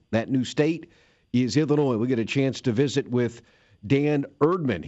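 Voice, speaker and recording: A man's voice: mid-range voice, darkish tone, dry recording. A man with an American accent hosting a radio farm news and market report. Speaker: radio host. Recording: dull lo-fi radio audio.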